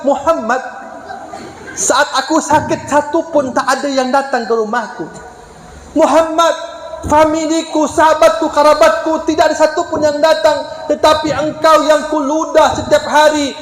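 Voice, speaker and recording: A man's voice: very high voice, flat delivery, normal speed, slight background noise, pitched above the performer's own voice. A man voicing a remorseful sick man who pleads for forgiveness. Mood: pleading remorse. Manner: pleading, emotional. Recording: echoey hall with long reverb.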